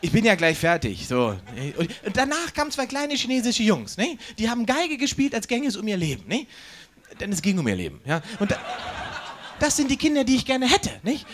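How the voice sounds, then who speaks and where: A man doing a stand-up routine on stage, brash and mocking, with quick asides to the crowd. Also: sits high, huge pitch swings. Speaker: stand-up comedian. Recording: live stage with faint background noise.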